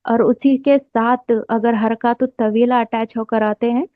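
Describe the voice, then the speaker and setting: A woman with a slightly high voice gives a slow, patient lesson, repeating each term as she writes it out. The sound is dry and tinny, like it came through a phone. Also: fairly even intonation, no room sound. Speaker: Arabic teacher.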